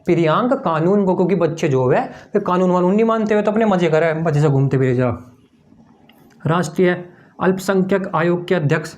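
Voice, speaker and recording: A man with a slightly high, somewhat mellow voice teaches memory tricks for exams. He writes on a board and drills each answer back as a question and answer in a mnemonic lesson.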